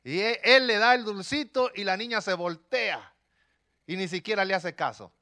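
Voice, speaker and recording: A man's voice: sits high, normal speed. A male pastor preaching a sermon, telling stories with rhetorical questions to the congregation. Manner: animated storytelling with rhetorical questions.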